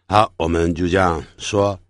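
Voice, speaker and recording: A man giving a pronunciation lesson, explaining sounds patiently and repeating practice words slowly for learners to copy. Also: sits low, fairly even intonation, dry recording, studio quality. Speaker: English teacher.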